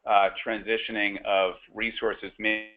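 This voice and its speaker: A man hosting a webinar panel discussion, speaking haltingly with many fillers and restarts. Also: lowish voice, little pitch movement, faint music behind. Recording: tinny phone-line audio.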